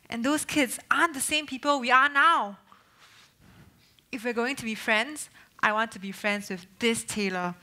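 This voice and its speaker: A young woman plays a principled friend with a habit of lecturing. Her voice is high and bright, and her delivery is measured and sincere.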